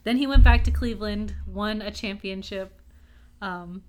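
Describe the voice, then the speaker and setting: Speaking a little slowly in a mid-range, darkish voice, a young podcast co-host from Texas keeps the conversation light and cheerful. She's talkative, self-deprecating, and quick to laugh throughout the casual chat.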